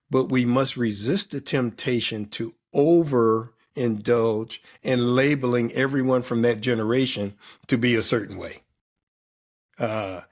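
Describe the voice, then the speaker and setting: Man, 50s+, performance coach, emphatic, repetitive lists, mid pitch. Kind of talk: reflective interview answer.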